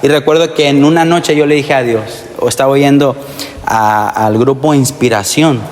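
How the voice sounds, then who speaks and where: In a church sanctuary, a man preaches a testimony sermon to young people, speaking earnestly and directly to them while calling for amens. His voice is medium in pitch at a normal speed, and long hall reverb fills the recording.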